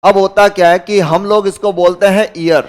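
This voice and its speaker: A man with a high voice and an Indian accent lectures a class, constantly posing rhetorical questions to his students. His voice comes through smooth and clear. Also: little pitch movement, moderate pace. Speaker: teacher.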